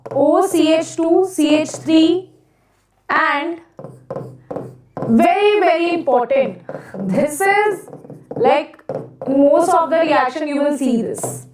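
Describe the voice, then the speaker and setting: A woman with an Indian accent teaching a live exam-prep lesson, repeating phrases and questioning students, in a big echoing hall sound. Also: high voice. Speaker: online chemistry teacher. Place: echoing classroom, voice far from mic. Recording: echoey room, big hall echo, distant mic.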